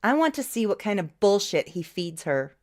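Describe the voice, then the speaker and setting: A woman's voice: fairly high pitch, slow pace, no room sound, studio quality. A woman voicing a blunt young woman musician. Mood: furious.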